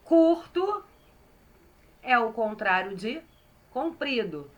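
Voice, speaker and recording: A woman's voice: medium pitch, bright, forceful tone. A woman with a Brazilian Portuguese accent teaching young children phonics, patiently sounding out syllables and checking in with them. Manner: slow and patient, sounding out syllables, frequent "certo?" check-ins. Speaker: primary school teacher.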